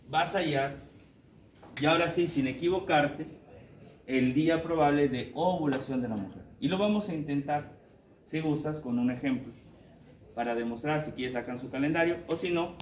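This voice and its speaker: A man teaching a class, animated, counting aloud and quizzing his students as he works at the board. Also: a little high, reverberant, recorded from a distance, a little hiss or hum, rough recording. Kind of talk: classroom lecture.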